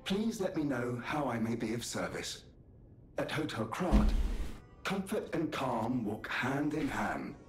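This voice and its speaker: A man's voice: medium pitch, sing-song, measured pace, faint music behind. An actor voicing a male puppet hotel attendant, a robot politely faking being human, with stiff, scripted courtesy and repeated greetings. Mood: stiffly polite. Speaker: hotel concierge. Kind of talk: video game dialogue.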